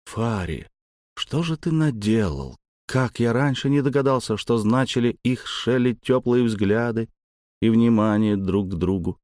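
A man voicing a heartbroken old farmer who screams and wails in a cracking falsetto and sobs. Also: a little slow, a little mellow, dry recording, clean studio sound, natural voice. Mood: grieving. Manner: wailing, screaming, breaking into falsetto. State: sobbing.

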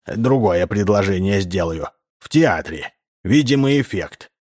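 A man's voice: lowish voice, animated, measured pace, darkish tone, dry recording, clean studio sound. Fields: Figure: man reading as a sly middle-aged building boss. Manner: wheedling. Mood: scheming. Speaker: building contractor.

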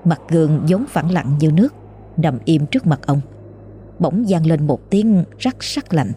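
A woman narrating a scripted ghost story with a measured, suspenseful delivery. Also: low voice, expressive, warm tone, slight background noise.

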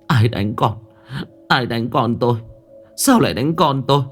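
A man voicing an elderly grieving mother with a high, quavering, tearful voice. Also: lively intonation, measured pace, faint music behind.

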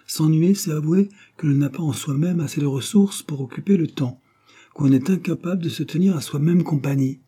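A man's voice: a little high, a little fast, warm tone, breathy edge, pitched above the performer's own voice. A man putting on a cheerful, sensible young country girl. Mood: bright, sensible.

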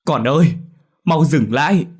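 Shrill, loud middle-aged mother in a ghost story, as a male narrator puts her on. Pushes high and strong. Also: unhurried, husky. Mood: urgent.

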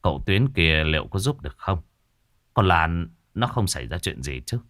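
A man voicing a worried, heavy-hearted father in a ghost story, speaking slowly and anxiously. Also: low voice, sing-song, a bit bright, dry recording, clean studio sound, pitched below the performer's own voice.

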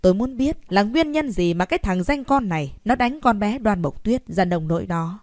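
A woman voicing an irritable old grandfather who scolds loudly, reading an audiobook story. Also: medium pitch, lively intonation, moderate pace, no room sound, studio quality, close to an everyday voice. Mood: angry scolding. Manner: angry, scolding, raised voice.

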